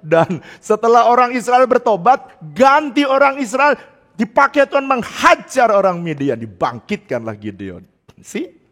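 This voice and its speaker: Middle-aged male pastor, playful and animated sermon delivery, high-set voice, reverberant hall. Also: unhurried. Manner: animated and playful, laughing often between points; drops into English phrases. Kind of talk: preaching a sermon. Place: church hall. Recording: long church-hall reverb.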